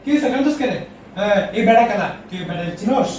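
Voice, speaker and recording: A young man playing a hot-tempered rustic father who scolds and threatens in rapid bursts. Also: high voice, animated, a little mellow, a little hiss or hum. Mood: furious. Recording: echoey room, voice from far off.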